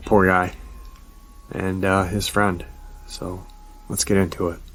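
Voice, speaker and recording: Reading viewer-submitted encounter stories for his paranormal channel, a man with a somewhat low voice holds a steady storytelling pace. Between tales he tosses in short, casual asides.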